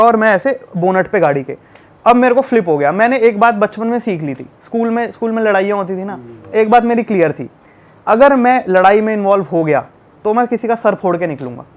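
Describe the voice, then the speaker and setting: A man from Delhi, a travel vlogger, telling a road-trip fight story in an animated, casual way. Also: sits high, brisk. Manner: animated, acts out shouting in the retelling. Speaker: travel youtuber guest.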